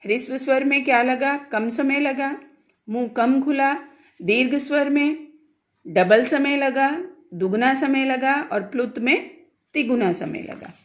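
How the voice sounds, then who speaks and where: A woman's voice: sits high, a little slow. A woman teaching a Sanskrit grammar lesson, asking the class questions and answering them herself, sounding out letters one by one.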